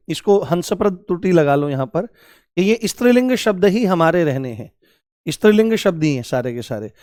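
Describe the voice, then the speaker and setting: A man's voice: sits high, no echo, clean studio sound. A man teaching Hindi grammar in a live online class, repeating key words and asking students for examples.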